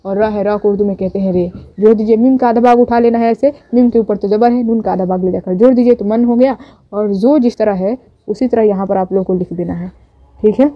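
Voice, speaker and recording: A woman teacher with a medium-pitched voice walks her students slowly and patiently through a writing lesson, repeating each step and checking in with them. The recording is dry, dull and lo-fi.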